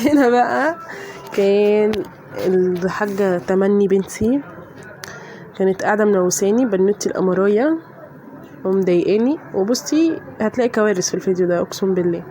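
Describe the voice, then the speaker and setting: A woman's voice: medium pitch, fairly quick, pauses often, warm tone, slight background noise. An Egyptian woman, a mother vlogger with a voice changed by a cold, chatting and joking with viewers about her kids' laundry. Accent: Egyptian Arabic. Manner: chatty, swears oaths, laughs often. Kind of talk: casual voice-over chat.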